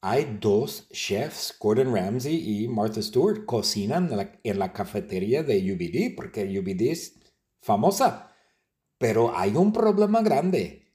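A man's voice: medium pitch, very animated, a little slow, dark tone. A man telling a playful, repetitive story in simple words for language learners.

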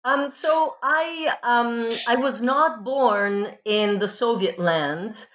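A woman from Italy, a history professor answering podcast interview questions with many pauses and fillers. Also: a little high, a bit bright, lo-fi sound. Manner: thoughtful, many ums and restarts. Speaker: history professor, guest author.

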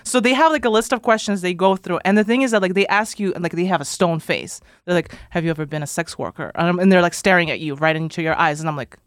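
A social media content creator from Kazakhstan, a woman in her thirties, talks casually as an interview guest, animatedly acting out quotes in dialogue and saying "like" often. She speaks fast with few pauses in a lowish voice, recorded dry with clean studio sound.

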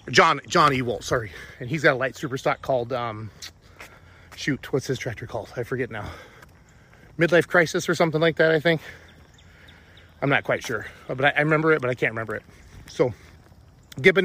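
A man's voice: fairly high pitch, pushed and bright. A man, out of breath, giving a rambling, upbeat casual update and often correcting himself. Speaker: tractor pulling team owner.

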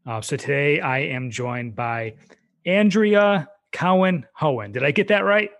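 An American podcast host chats casually and warmly in an interview, using lots of fillers and restarting his sentences often. His voice leans high and sounds expressive and a touch bright, a little slow, with some vocal fry.

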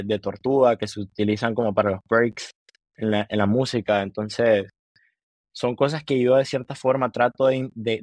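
His voice is fairly low and darkish, recorded with no room sound. Speaking with a Honduran Spanish accent, the twenty-something musician is an interview guest in a relaxed chat that blends Spanish and English, talking earnestly but haltingly with frequent restarts and repetitions.

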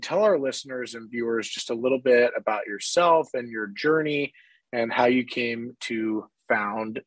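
Hoarse man hosting a podcast. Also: mid-range voice, a bit bright, no echo, low-quality recording. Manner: friendly, upbeat, uses many fillers. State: hoarse from a cold. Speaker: podcast host. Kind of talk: casual interview chat. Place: office.

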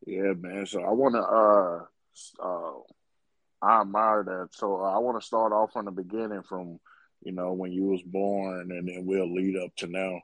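A man hosting a podcast, asking loose, relaxed questions with many fillers in a casual interview. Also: deep voice, normal speed, dry recording, low-quality recording. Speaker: podcast host.

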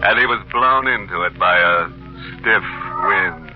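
An actor playing a sinister, punning horror host of an old radio mystery show, in 1940s radio acting. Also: male voice, low-pitched, unhurried. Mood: gloating. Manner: macabre puns with chuckles. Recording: dull old radio recording with music.

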